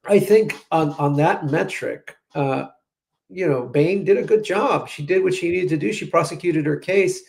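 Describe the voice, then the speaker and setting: A man with a fairly high, gravelly, darkish voice speaks at a moderate pace as a strategist guest in a political commentary interview. His analysis comes out conversationally, full of restarts and "you know" fillers.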